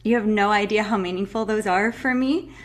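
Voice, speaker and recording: A woman's voice: medium pitch, a little fast. A young woman hosting a live online breathwork call, chatting casually and effusively with many filler words. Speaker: breathwork facilitator.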